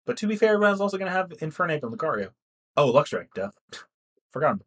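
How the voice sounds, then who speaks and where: A man's voice: a little high, very animated, fast, fairly bright tone. A young man co-hosting a podcast in casual chat, rambling and swearing freely. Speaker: podcast co-host.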